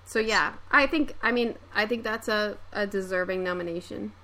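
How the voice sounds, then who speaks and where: A woman's voice: medium pitch, normal speed, sharp tone. A woman hosting a podcast, chatting casually and often hedging her points. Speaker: podcast host, set decorator.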